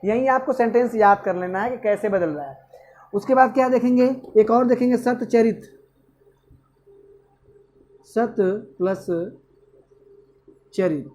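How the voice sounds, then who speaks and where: A man's voice: very high voice, unhurried, long pauses, a little mellow. A male teacher giving an exam-prep grammar lesson, asking questions and answering them himself. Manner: asks and answers own questions, repeats "okay".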